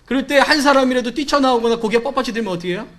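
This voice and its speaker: A man's voice: extremely high pitch, very fast, a bit bright. A man preaching a sermon in church, talking to the congregation in a conversational way and acting out the cries and dialogue of the people in his story. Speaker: pastor. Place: church sanctuary.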